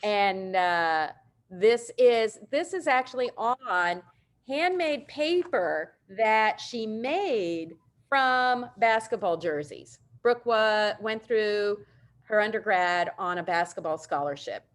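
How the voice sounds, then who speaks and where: A woman's voice: medium pitch, expressive, slow pace. Enthusiastic woman presenting a virtual talk. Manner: warm, enthusiastic explaining; informal asides and self-corrections. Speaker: printmaker presenting artists' work. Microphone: video call.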